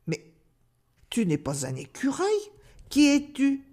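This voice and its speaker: A woman voicing a busy grown male squirrel in a storybook, talking briskly and scolding. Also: high-pitched, wildly swooping pitch, a little mellow, pitched above the performer's own voice, full character voice.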